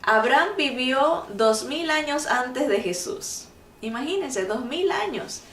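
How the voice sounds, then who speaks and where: Slow, emphatic woman teaching a Bible lesson. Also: high voice, lively intonation, a bit bright. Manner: earnest, emphatic, repeats points. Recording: echoey room, mic at a distance.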